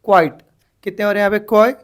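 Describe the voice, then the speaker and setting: A man's voice: sits high, fairly quick. A man teaching an exam-prep English lesson, spelling words out letter by letter and asking himself questions as he goes. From India. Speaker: English grammar tutor.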